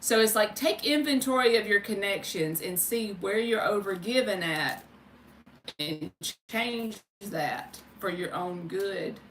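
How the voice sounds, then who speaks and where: Speaking at a measured pace in a mid-range voice with a sharp, bright tone, a female tarot livestreamer talks informally with her audience. She greets viewers by name, swears mildly, and gives spiritual readings. The recording is echoey and roomy, from a distant mic with faint noise.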